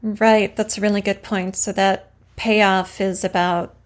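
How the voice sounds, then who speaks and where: A woman's voice: medium pitch, level tone, unhurried. A woman co-hosting a podcast, talking through story ideas in a thoughtful, example-driven way. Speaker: podcast co-host. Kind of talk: casual craft discussion.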